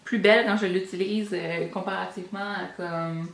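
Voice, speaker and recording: A woman's voice: on the low side, steady tone, normal speed, reverberant. Chatty Québécois woman vlogger. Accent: Québécois French. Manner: chatty, rambling, mixes in English words. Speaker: beauty vlogger. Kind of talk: casual chat.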